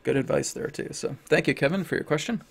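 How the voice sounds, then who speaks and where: Hoarse man hosting a livestream. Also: on the high side. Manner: friendly, quick, reads viewer names aloud. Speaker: livestream host. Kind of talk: casual livestream chat.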